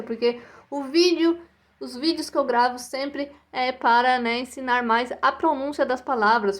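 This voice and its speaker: A woman teaching children English vocabulary in a recorded lesson, repeating each word and checking in with short tag questions. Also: high voice. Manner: slow, repetitive pronunciation drills with frequent "tá?" and "né?".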